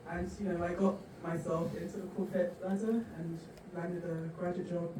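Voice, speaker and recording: A woman's voice: fairly low pitch, fairly even intonation, normal speed. A woman from Nigeria answering on a conference panel in a conversational way with many fillers. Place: large conference hall. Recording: echoey hall from far off, noisy.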